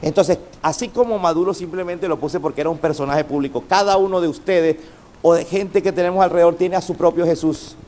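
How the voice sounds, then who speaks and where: High-voiced fervent male pastor preaching. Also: fairly even intonation, fairly quick, warm tone. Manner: fervent preaching, calls out to the congregation for responses. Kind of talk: sermon.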